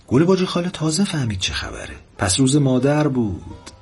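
A man hosting a show and telling a story, gentle and expressive in his narration. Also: mid-range voice, slightly rough, soft background music. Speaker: storyteller host.

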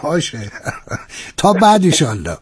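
A man's voice: fairly high pitch, wildly swooping pitch, a crowd in the background. A man hosting a radio talk show, courteous and curious with his guest. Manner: courteous, curious, quick to react. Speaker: radio host. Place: radio studio.

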